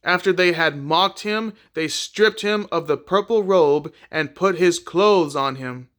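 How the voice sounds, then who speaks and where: Man reading scripture aloud, slightly high. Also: fairly bright tone. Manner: plain, unhurried reading with small slips and repeats. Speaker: scripture reader.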